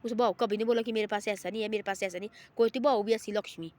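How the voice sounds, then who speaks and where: A woman with a medium-pitched, darkish voice talks fast in a steady tone as she tells an informal moral story. She wanders and repeats herself, giving voice to the people she describes.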